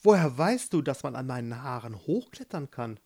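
A storyteller voicing a timid young maiden in a tower, soft and a little anxious, in a read-aloud fairy tale. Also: medium pitch, sing-song, normal speed. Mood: flustered.

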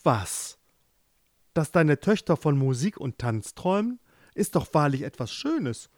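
A man voicing a calm, easygoing queen who speaks in a relaxed, soothing way. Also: a little high, a little slow, dry recording, studio quality.

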